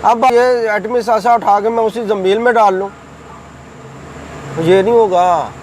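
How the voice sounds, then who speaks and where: A man's voice: sits high, fairly even intonation, a little mellow, a little hiss or hum, rough recording. A middle-aged man from Pakistan giving heated political commentary, combative and accusing, hammering his points home with repeated phrases. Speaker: political commentator hosting his own channel.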